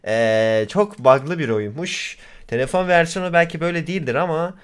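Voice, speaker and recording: A man's voice: fairly high pitch, normal speed, clean tone. Exasperated man ranting over a buggy game. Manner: exasperated, swings from mutters to loud outbursts. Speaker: gaming YouTuber. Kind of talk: horror game let's play commentary.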